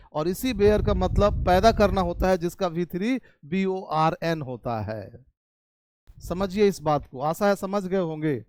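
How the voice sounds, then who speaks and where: Indian guy teaching english, hindi accent, high voice, dry close sound, chatty and teasing, drags out the example lines. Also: a little mellow, clean tone, no room sound. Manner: chatty, drawn-out model sentences, teasing asides. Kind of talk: spoken English lesson.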